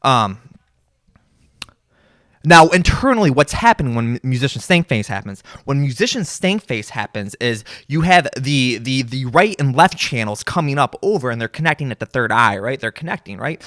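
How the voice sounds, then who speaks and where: A man's voice: mid-range voice, very animated, moderate pace, fairly bright tone, dry recording. Rambling man in a dry home studio. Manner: rambling, repeats words, says "right?" often. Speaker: musician and content creator. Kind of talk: casual monologue.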